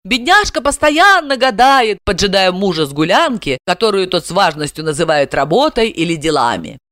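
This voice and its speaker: Ироничная рассказчица с живой интонацией. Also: female voice, medium pitch, moderate pace, dry recording, clean studio sound. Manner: ironic, lively asides. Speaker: narrator. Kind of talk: expressive ironic storytelling.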